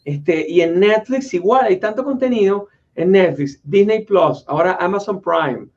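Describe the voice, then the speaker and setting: A man hosts a relaxed interview, his voice sitting a little high for a man. He rambles, restarting sentences and filling gaps as he goes. The sound is dull and lo-fi. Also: normal speed. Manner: rambling, with many restarts and fillers. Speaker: interview host. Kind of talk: casual conversational interview. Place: home office in Florida. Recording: dull lo-fi audio.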